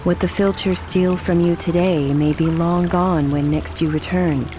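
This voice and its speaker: Soft, confident night hag played by a woman. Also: on the low side, steady tone, over music, lightly acted. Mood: calm, confident. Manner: soft, confident, measured and formal.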